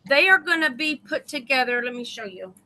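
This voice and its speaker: A woman's voice: high voice, animated, brisk, pushed and bright, a little hiss or hum, poor audio. A woman from a quilt guild on a video call, giving an upbeat show-and-tell of her quilting. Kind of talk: casual chat.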